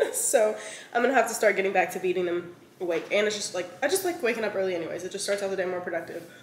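Chatty and rambling, a lifestyle vlogger talks casually to camera in a large, bright home kitchen, filling her speech with fillers and clearing her scratchy throat. Her mid-range voice moves quickly, and the counter-mounted camera, framing her mid-shot, picks up echo and faint room noise.

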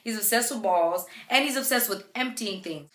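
Young woman, casual vlog chat, bright voice, echoey home room, filler-heavy animated talk. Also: medium pitch, moderate pace. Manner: chatty, animated retelling with lots of "like" and "um". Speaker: vlogger, mother. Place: home room with her baby beside her.

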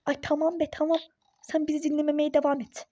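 A meddling, superstitious girlfriend in a phone-game role-play story, as a woman voices her. She nags insistently in a high, mellow voice. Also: flat delivery, fast, lightly acted. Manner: insistent, nagging, conspiratorial. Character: pushy superstitious young woman friend, meddling.

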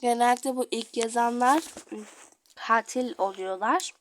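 A young woman chatting casually through her gameplay as a video creator, dramatic, drifting between murmurs and loud outbursts. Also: on the high side, slow pace, slight background noise.

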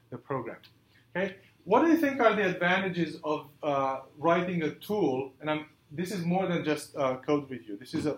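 A man giving a university lecture, halting with many fillers and putting questions to the class. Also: on the high side, fairly bright tone. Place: lecture hall. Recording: echoey lecture hall.

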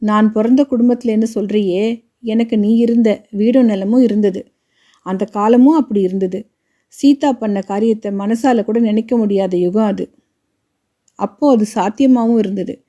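A woman's voice: mid-range voice, steady tone, moderate pace, mellow, close to an everyday voice. A woman voicing an elderly widowed grandmother who talks with impassioned, reproachful pleading. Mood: grieving reproach.

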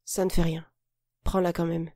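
A woman's voice: on the low side, little pitch movement, normal speed, dark tone, no echo, studio quality, natural voice. A woman reading the lines of a troubled, remorseful young man who speaks in a hesitant, strained way. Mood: awkward.

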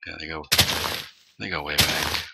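Gravelly deep-voiced man chatting over gameplay. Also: normal speed. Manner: chatty and excitable, laughing often. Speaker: co-host of a gaming channel. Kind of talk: casual gameplay chat. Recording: noisy background.

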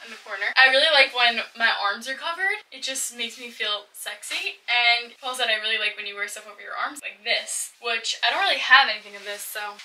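Woman in her twenties, high bright voice, gushing casual chat, slightly distant bedroom recording. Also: fairly quick, few pauses. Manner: gushing, sweary, emphatic. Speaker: vlogger. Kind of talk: casual chatty clothing haul. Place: small bedroom. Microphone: camera across the room. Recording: distant mic, faint background noise.

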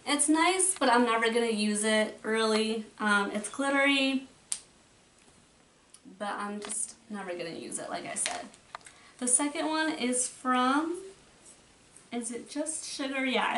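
A woman's voice: fairly high pitch, unhurried, fairly bright tone. A woman talking casually through a makeup declutter, rambling a bit and restarting her thoughts, in her bedroom. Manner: rambling, chatty, trails off and restarts. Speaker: beauty vlogger. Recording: roomy, from a distance, faint noise.

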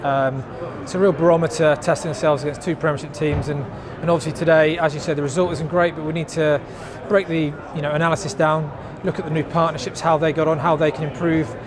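A man in his thirties, a rugby club captain, giving a post-match interview in a stadium stand, measured and thoughtful with many fillers. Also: fairly high pitch, flat delivery. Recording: outdoor stadium with crowd noise. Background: crowd murmur.

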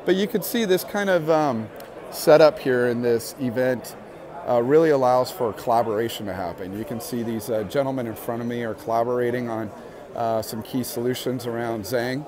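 A man's voice: mid-range voice, normal speed. Man touring a busy expo floor. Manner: relaxed, filler-heavy enthusing. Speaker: expo floor walk-through guide. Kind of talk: casual walk-and-talk narration. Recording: crowd chatter from a busy hall.

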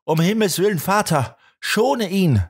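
A man's voice: lowish voice, big pitch swings, takes it slowly, exaggerated voice. A man voicing a young woman begging and loving. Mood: frantic pleading. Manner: pleading, then faint and tender. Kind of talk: audiobook reading.

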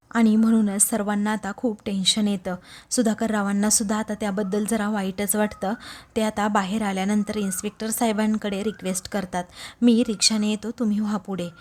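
A woman retelling a TV serial episode as a narrator, at a brisk storytelling pace, acting out the characters' lines with feeling. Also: mid-range voice, a little mellow. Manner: brisk storytelling with emotional quoted dialogue.

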